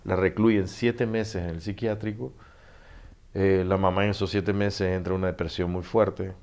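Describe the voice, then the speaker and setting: A man's voice: low voice, moderate pace. A middle-aged man with a Panamanian Spanish accent, an author telling stories in a casual interview and acting out the dialogue. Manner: animated storyteller, acts out dialogue, laughs often. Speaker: author guest.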